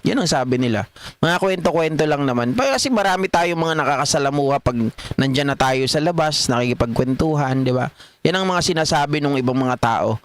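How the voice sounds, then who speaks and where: A man's voice: fairly high pitch, lively intonation, fairly quick. A middle-aged Filipino man hosting a political livestream, reading viewer comments in a chatty way and laughing often. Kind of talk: casual live commentary reading chat.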